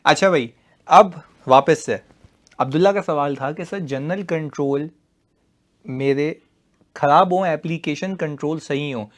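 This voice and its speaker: A male teacher with a slightly high voice, running a live online class. He is playful and teasing with his students, jumping from loud emphasis to quiet asides. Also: unhurried.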